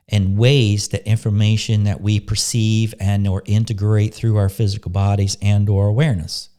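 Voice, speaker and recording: A man guiding a short meditation in a low, mellow voice. He speaks very slowly and softly, with calm pauses and the odd restart mid-phrase. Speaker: spiritual teacher leading a meditation. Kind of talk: slow, soft-spoken guided meditation talk.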